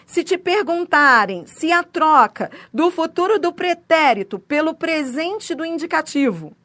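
A middle-aged woman with a Brazilian accent, teaching an exam-prep grammar lesson and acting out little dialogues as examples. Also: a little high. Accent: Brazilian Portuguese. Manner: lively, acts out dialogues, laughs at her own examples.

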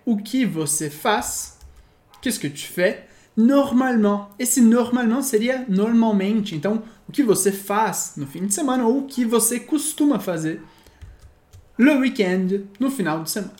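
A woman teaching a language lesson, explaining patiently and slowing down to read each example sentence. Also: medium pitch, a little mellow. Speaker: French teacher. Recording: echoey room.

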